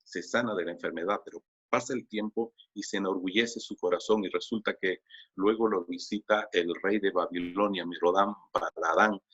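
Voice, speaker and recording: A man's voice: low-pitched, fairly even intonation, normal speed, fairly bright tone, slightly rough. A man preaching a sermon in a conversational, storytelling way, retelling Bible stories with quoted lines and everyday fillers. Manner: conversational, with fillers and tag questions. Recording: dull lo-fi recording.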